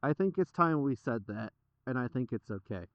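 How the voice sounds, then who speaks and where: A young American man motovlogs from inside his motorcycle helmet, chatting casually and bluntly in informal, sweary language. His mid-range voice is expressive and moderately paced. The helmet mic gives a dry, muffled, dull sound.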